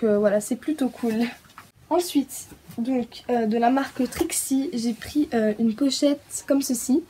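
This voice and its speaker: A woman from France talks through a haul of puppy gear in a casual, hesitant way. She fills her pauses and lets small giggles slip in. Her voice sits a touch high over a light hiss. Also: mellow. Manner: hesitant, many fillers, giggly. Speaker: pet vlogger.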